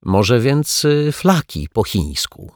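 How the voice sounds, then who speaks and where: A man's voice: fairly low pitch, huge pitch swings, slow, vocal fry, no echo, clean studio sound, full character voice. A man voicing a grumpy, touchy waiter in a children's storybook reading, grumbling and taking offence easily. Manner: sulky, grumbling, indignant.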